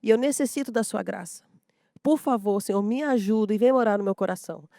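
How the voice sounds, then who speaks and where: A woman's voice: mid-range voice, a little fast, gravelly, dark tone, dry recording, studio quality. A woman from a school staff, sharing heartfelt stories at a round table, full of fillers and moved to tears at moments.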